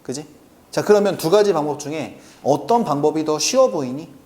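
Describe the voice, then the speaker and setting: A man teaching a math lesson, who keeps asking the class quick questions and then answers them himself. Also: fairly high pitch, expressive, dark tone. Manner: keeps checking in with quick rhetorical questions to students; answers his own questions aloud.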